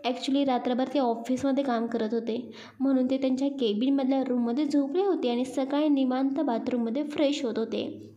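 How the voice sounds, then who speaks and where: A woman voicing a shy young female office worker who speaks bashfully and softly. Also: sits high, steady tone, a little fast, dull audio, lightly acted. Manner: bashful, hushed, telling a story.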